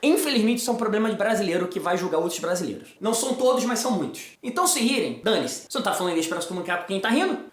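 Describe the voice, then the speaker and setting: A man with a Brazilian accent, teaching in an informal, energetic video lesson, direct and teasing with casual slang. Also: sits high, racing, few pauses, echoey room. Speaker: English teacher.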